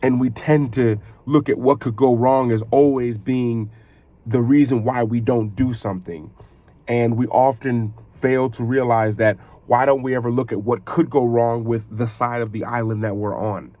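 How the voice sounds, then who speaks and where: A man speaking to his viewers in a motivational vlog style, earnest and reflective, often halting and repeating phrases as he builds to rhetorical questions. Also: medium pitch, fairly even intonation, warm tone, dry recording. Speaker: video creator and podcaster. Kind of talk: motivational talk addressed to viewers.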